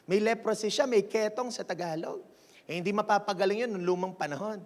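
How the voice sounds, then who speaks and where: Energetic high-voiced pastor in a reverberant church. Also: male voice, fairly quick. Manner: energetic, mixes English into Tagalog, keeps asking the church to respond. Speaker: senior pastor. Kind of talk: sermon. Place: church sanctuary.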